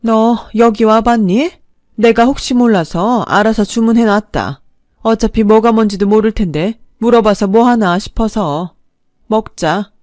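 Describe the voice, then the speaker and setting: A woman voicing a sharp-tongued, contemptuous middle-aged mother-in-law in a spoken story. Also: fairly high pitch, normal speed, no room sound, studio quality, pitched above the performer's own voice, close to an everyday voice. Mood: condescending. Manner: contemptuous, snapping.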